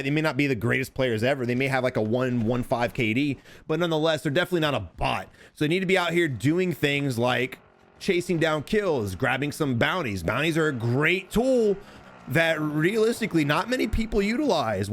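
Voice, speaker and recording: A man coaching as he comments on gameplay, blunt and animated, swearing freely. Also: fairly high pitch. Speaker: gaming coach.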